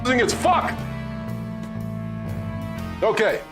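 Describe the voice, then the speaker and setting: A man's voice: very high-pitched, big pitch swings, extremely slow. A man presenting a mock weathercast, flustered, easily sidetracked and swearing as he ad-libs. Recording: music playing behind the voice.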